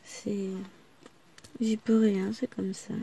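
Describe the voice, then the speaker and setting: A woman rambles through a casual vlog chat, full of little asides. Her voice is gravelly and still cracks now and then after a recent loss of voice. Her pitch sits in an ordinary middle range. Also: flat delivery, slow, dark tone, a little hiss or hum. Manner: rambling, chatty, many small asides. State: voice still breaking after losing it. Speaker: vlogger.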